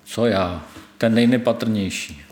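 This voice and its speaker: A man's voice: lowish voice, darkish tone, slight background noise. A man preaching a sermon, retelling a scripture story and stressing God's words, with a few hesitations. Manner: thoughtful, with hesitations. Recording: echoey room.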